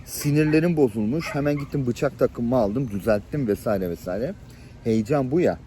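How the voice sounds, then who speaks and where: Mellow-voiced man telling lively anecdotes. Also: medium pitch, moderate pace, slight background noise. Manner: lively anecdotal storytelling, chuckles and acts out voices. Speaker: channel host. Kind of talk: personal storytelling to camera. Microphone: camera-facing, showing viewers things on screen.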